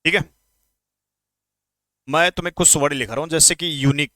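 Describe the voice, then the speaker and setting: A man teaching English grammar in an exam-prep lesson, speaking informally to students and repeating words slowly to drill pronunciation. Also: a little high, sharp tone, no echo. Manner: addresses students informally, asks quick questions.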